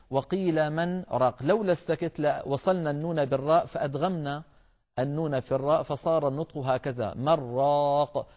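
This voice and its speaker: A man teaching the rules of Quran recitation in a measured, explanatory way, addressing his listeners as brothers. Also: fairly high pitch, darkish tone, muffled recording. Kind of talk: tajweed lesson.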